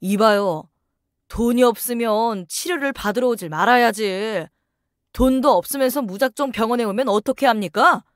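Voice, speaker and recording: Woman reading a scolding billing clerk, curt, fairly high voice. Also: normal speed, dry recording, clean studio sound, natural voice. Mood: stern. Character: stern male hospital billing clerk.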